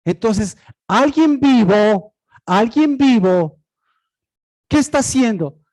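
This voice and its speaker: A preacher giving a sermon, asking and answering their own rhetorical questions, with sudden swings from loud high cries down to low murmurs. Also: expressive, slow pace, rough recording.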